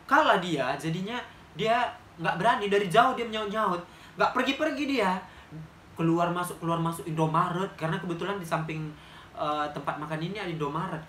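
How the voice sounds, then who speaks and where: A man with a Medan Indonesian accent telling a personal story in a blunt, animated vlog style. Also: sits high, reverberant, slight background noise. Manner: animated, blunt, fast-talking, acts out quotes. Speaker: vlogger.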